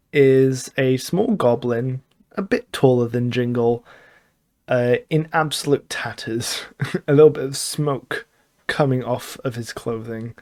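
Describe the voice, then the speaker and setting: Slow-speaking tabletop player. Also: mid-range voice, a little mellow. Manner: slow, deliberate, amused. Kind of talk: describing a character in a tabletop game.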